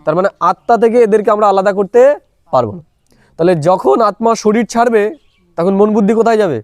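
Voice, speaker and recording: A man with a fairly high voice teaches a meditation class, pausing often to ask his listeners whether they have understood. He speaks into a small clip-on microphone. The sound is dry, with almost no room around it. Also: no echo. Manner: asks listeners rhetorical check-in questions. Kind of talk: spiritual class lecture. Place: small room, recorded on a mobile phone.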